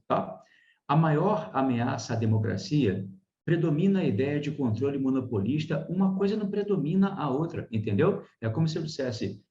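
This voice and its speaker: A man's voice: on the high side, reverberant, dull audio. A man with a Brazilian Portuguese accent teaching a grammar lesson in an online class, explaining with frequent rhetorical checks. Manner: explains with many rhetorical checks, lively emphasis. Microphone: video call.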